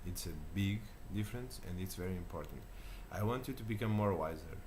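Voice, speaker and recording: A man's voice: deep voice, a little fast, darkish tone, slight background noise. A man in his thirties from Portugal with a Portuguese accent, talking casually to camera as a channel host, hesitant with many fillers and restarts. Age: 30s. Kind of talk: casual self-recorded talk. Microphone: camera mic.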